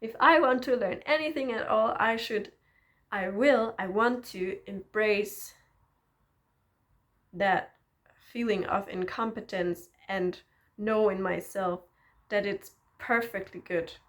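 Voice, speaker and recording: This personal teaching monologue features a woman, a native Danish speaker, guiding viewers through self-development. She talks slowly in a middle pitch, staying encouraging and reflective while pausing for gentle tag questions.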